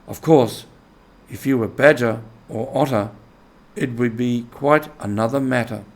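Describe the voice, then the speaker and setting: A man's voice: medium pitch, unhurried. Man playing a hearty, kindly storybook rat. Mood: soothing, advising. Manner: soothing, hearty, earnestly advising. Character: kindly, hearty, experienced male water rat.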